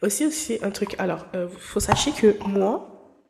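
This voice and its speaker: Over some background noise, a woman's expressive, medium-pitched, creaky voice moves at a measured pace. She's in her twenties, a non-native French speaker hosting her podcast, rambling candidly and playfully through a casual personal chat with many fillers and restarts.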